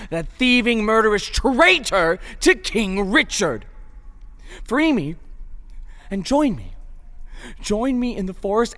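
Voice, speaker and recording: A defiant young outlaw locked in a cell, bargaining and boasting in a high, lively, bright voice. He drags his words out slowly, and a long reverb hangs around him like a stone hall in a radio play. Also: exaggerated voice. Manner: boastful, pleading, bursts into shouting song.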